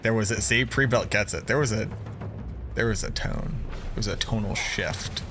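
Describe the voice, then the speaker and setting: A man's voice: on the low side, normal speed, music in the background. A man with a Boston accent bantering casually on a game stream, teasing, repeating himself insistently and swearing freely. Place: live stream voice chat with game music behind.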